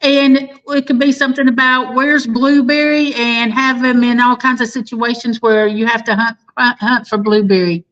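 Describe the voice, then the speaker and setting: A woman who writes books, talking on a livestream in casual chat and eagerly pitching ideas. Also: fairly even intonation, normal speed, few pauses, fairly bright tone. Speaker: host, author. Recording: dull lo-fi livestream audio.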